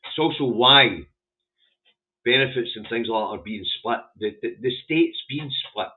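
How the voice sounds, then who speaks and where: A man's voice: mid-range voice, moderate pace. A man with a broad Scottish accent giving casual, opinionated commentary in a blunt, sweary, rambling way. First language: Scots. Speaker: vlogger reviewing the day's newspaper front pages. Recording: muffled phone-like narrow-band audio.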